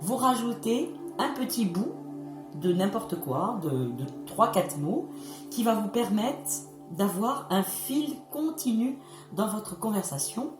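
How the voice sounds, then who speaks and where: Slow, patient woman vocal coach. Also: mid-range voice, lively intonation. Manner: patient, instructive, addresses viewers directly. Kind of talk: singing lesson to camera. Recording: echoey room with music behind.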